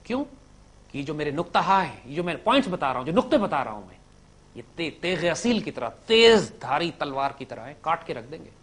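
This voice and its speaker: A man giving an impassioned lecture to young listeners, swinging from loud emphatic peaks to low drops and mixing in English words. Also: very animated, a little fast. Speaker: speaker addressing young listeners.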